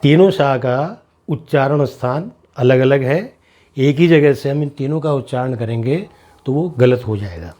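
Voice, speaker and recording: With a warm, mid-range voice, a male Hindi teacher takes his class through the sounds of the alphabet, pronouncing syllables one by one. He is slow and deliberate, repeats syllables to show the sounds, explains patiently, and asks students whether it's clear.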